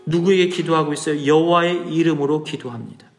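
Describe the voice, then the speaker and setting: High-voiced man preaching in an echoey church. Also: a little fast. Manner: asks the congregation rhetorical questions and voices the psalmist's pleas with feeling. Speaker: pastor. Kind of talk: sermon. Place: church hall. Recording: echoey church with soft music behind.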